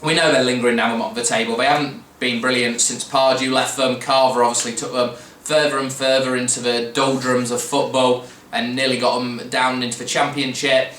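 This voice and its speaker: Recorded from afar in an echoey room with a faint hum behind him, this man hosts a football fan podcast. His voice is medium-pitched and a bit bright, and his casual preview talk wanders, restarting often and leaning on fillers.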